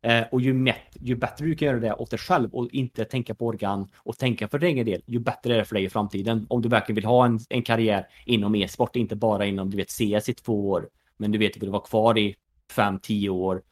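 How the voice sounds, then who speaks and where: A man's voice: on the low side, steady tone. A man from Sweden in his thirties, a former pro gamer turned esports executive, talking in a casual podcast conversation with lots of fillers and "you know" asides.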